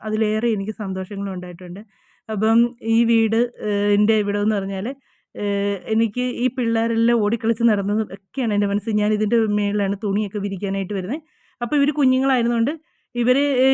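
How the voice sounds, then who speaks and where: A woman's voice: medium pitch, mellow, reverberant. A middle-aged woman from Kerala, telling her life story in a chatty, confiding vlog. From Kerala, India. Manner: chatty and confiding, frequent "kettō" tags. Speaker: vlogger. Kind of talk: casual personal storytelling. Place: outdoors at her old house.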